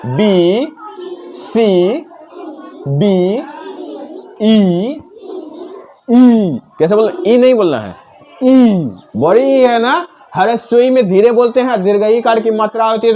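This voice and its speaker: A man teaching the alphabet to children in a slow, repetitive classroom manner, asking questions and repeating each sound. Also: high voice, a little mellow, slight background noise. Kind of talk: classroom-style alphabet lesson.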